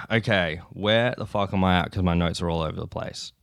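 A young Australian man, sleepy and just woken up, hosts a loose solo podcast episode, rambling, swearing often and laughing between thoughts. His very low voice comes through smooth, clear and a bit bright at normal speed. The sound is close and dry, with no room sound at all.

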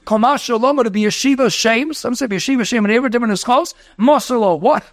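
A rabbi lecturing on Torah, talking quickly, mixing in Hebrew and Yiddish terms, asking rhetorical questions and telling stories. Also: male voice, very high-pitched, no room sound. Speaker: rabbi teaching a Torah class.

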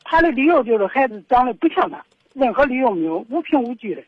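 A woman's voice: fairly high pitch, very animated, fast, breathy edge, no room sound. A middle-aged woman, calling in and telling her story in an aggrieved, rambling way with many restarts. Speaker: caller. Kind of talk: phone-in confession. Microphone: telephone. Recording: dull lo-fi phone line.

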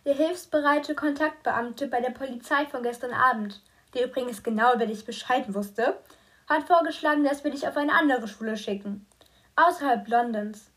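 A woman's voice: high-pitched, a bit bright. Woman reading as a cold, stern mother. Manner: clear, slow, bitter. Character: stern middle-aged mother, cold and controlling. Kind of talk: audiobook reading.

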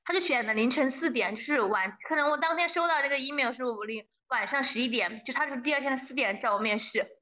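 A young woman talks fast and eagerly as a guest in a casual interview, her voice a little high. She slips English phrases into her story. The recording sounds dull and lo-fi. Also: bright, forceful tone. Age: young adult.

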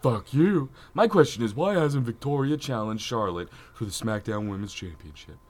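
A man's voice: mid-range voice, expressive, normal speed, a little mellow, natural voice. A man voicing an annoying, brash young woman fan in a mocking rant.

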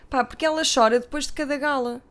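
A woman's voice: high-pitched, fairly bright tone. A woman with a European Portuguese accent chatting casually to viewers, rambling and breaking off with asides. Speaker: vlogger. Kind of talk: casual chat about TV.

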